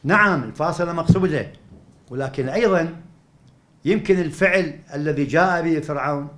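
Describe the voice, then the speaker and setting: A male university professor with an Iraqi Arabic accent giving a lecture. He explains step by step, often asking and answering his own questions, and recites verses slowly. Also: fairly high pitch, a bit bright. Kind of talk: academic lecture at a cultural evening.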